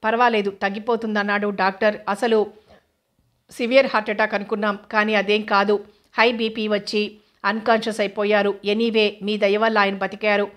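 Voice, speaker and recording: A woman voicing a bold young woman who talks firmly and calmly, in a mid-pitched, narrow-ranged tone. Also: normal speed, natural voice. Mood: worried. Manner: firm and composed.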